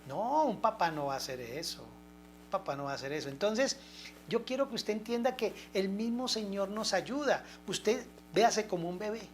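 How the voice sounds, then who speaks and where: A woman's voice: mid-range voice, animated, normal speed, a little hiss or hum. An older woman preaching an informal, homely sermon, often checking that listeners understand.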